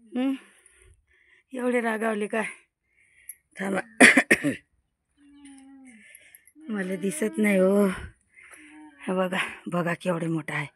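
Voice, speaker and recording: A woman's voice: mid-range voice, fairly bright tone, no echo. A woman, filming outdoors on a phone and talking to a snake with pleading, repetitive commentary. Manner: pleading, repeats words, talks to the snake. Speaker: vlogger. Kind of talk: excited live commentary while filming a snake.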